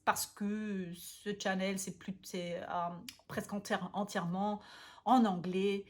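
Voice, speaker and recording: A woman from Austria, talking casually to camera as a language vlogger, often pausing to search for words and restarting. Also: mid-range voice, fairly even intonation, darkish tone. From Austria (Vienna). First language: German.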